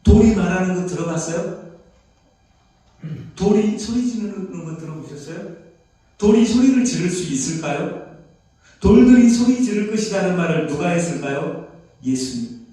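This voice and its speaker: A man's voice: high voice, animated, moderate pace, long pauses, warm tone. A man preaching a sermon as pastor, asking the congregation questions and acting out quoted voices. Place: prayer retreat hall. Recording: echoey hall from far off.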